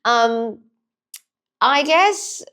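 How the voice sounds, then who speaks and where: A woman from Pakistan, a podcast guest, telling her story in a lively way and laughing often. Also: fairly high pitch, drawn-out words, clean tone. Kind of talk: casual interview chat.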